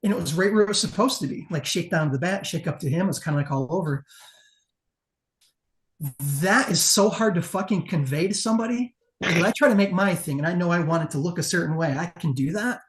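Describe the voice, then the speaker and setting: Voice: medium pitch, fast. A competition judge giving a casual panel critique in an emphatic, profane, conversational way.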